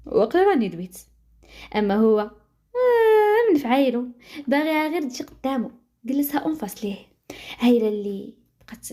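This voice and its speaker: A woman with a Moroccan accent narrating a story in a lively, dramatic manner. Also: on the high side, husky.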